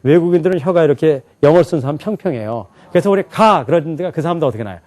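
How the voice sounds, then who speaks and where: Male lecturer, lively rising and falling delivery, quizzes the room. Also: on the high side, rapid-fire. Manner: animated, asks the class questions and answers them himself. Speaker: English teacher. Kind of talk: lecture to a live class.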